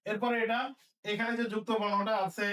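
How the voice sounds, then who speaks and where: A man teaching an online lesson, spelling words out slowly syllable by syllable and asking his students questions as he goes. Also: high voice, little pitch movement, fairly bright tone, recorded from a distance.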